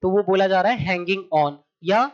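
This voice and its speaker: A male coaching teacher giving an exam-prep grammar lesson. He asks rhetorical questions, repeats his points with a tag question, and reads English examples slowly and deliberately. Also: high-pitched, clean tone. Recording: dull lo-fi recording.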